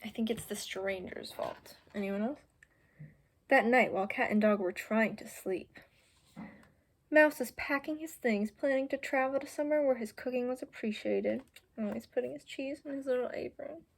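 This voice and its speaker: Her voice sits on the high side and sounds gravelly, at a moderate pace. She's a teen student volunteer reading a picture book to young children, slipping in casual, chatty asides.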